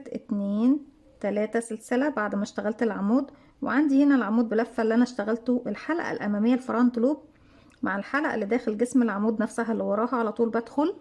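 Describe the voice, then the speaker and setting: A woman's voice: fairly high pitch, darkish tone. A woman with an Egyptian Arabic accent teaching crochet step by step, counting stitches aloud and asking and answering her own questions. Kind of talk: step-by-step tutorial narration.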